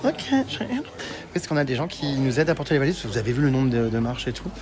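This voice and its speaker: A man vlogging on his travels, chatty and teasing, excitable, filming on a handheld camera. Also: medium pitch, rapid-fire, crowd noise. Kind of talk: travel vlog narration.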